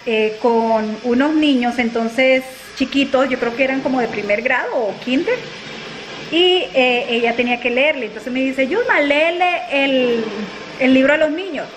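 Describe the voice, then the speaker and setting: A woman's voice: sits high, fairly bright tone. A woman chatting casually in a family vlog, telling stories and laughing often. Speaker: family vlogger. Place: at home, then in a car. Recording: noisy home video recording.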